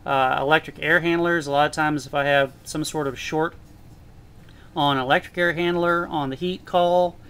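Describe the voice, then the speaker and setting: A man's voice: a little high, a bit bright, smooth. A man, an HVAC technician, talking casually and rambling through an unscripted how-to demonstration. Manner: casual, rambling, restarts often. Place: indoor workshop floor.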